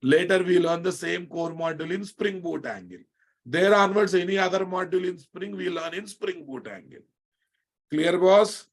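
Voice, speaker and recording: Indian man teaching, slightly high-pitched voice. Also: normal speed. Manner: repeats phrases, checks in with listeners often. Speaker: programming instructor. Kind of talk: live online class lecture.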